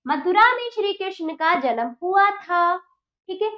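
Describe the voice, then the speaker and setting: A high-pitched woman teaches young pupils, sounding each syllable out slowly and asking questions that she answers herself. The recording is roomy and echoey, with a slightly muffled tone. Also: expressive. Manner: slow, over-enunciated syllables for pupils. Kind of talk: Hindi grammar lesson for children.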